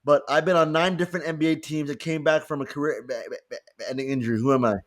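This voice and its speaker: Slightly high man reading trivia questions. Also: fairly even intonation, quick pace. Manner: hesitant, stumbles and restarts while reading. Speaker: trivia question reader, podcast co-host.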